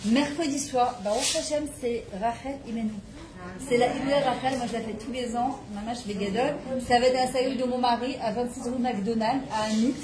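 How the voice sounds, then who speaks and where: A woman's voice: a little high, fairly even intonation, fairly quick, reverberant, crowd noise, low-quality recording. A woman giving an impassioned spiritual talk to a gathering of women in a home, asking rhetorical questions as she goes. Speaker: religious women's teacher. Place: private home.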